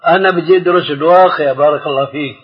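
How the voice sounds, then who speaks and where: A man's voice: fairly high pitch, very fast, breathy edge. An older man with a Levantine Arabic accent, a scholar firmly steering a question-and-answer lesson, on a dull old tape recording. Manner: firm, steers the discussion.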